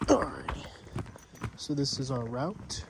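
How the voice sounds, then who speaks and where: A man's voice: mid-range voice, animated, slow, gravelly, background noise. Breathless young man vlogging on a long walk. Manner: chatty, easily amazed, self-joking. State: out of breath from walking. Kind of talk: casual walk-and-talk vlog. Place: outdoors on a trail and city streets.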